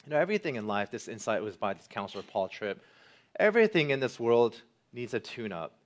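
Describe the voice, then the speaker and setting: A man preaching a sermon as pastor, earnest, building to emphatic peaks and then dropping quiet. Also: medium pitch, sing-song, fairly quick.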